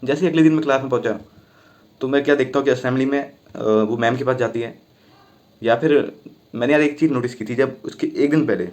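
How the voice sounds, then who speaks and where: A young man with a mid-range voice, speaking a little fast, casually retells a childhood school story. He's chatty and animated, doing voices for the people involved as he goes.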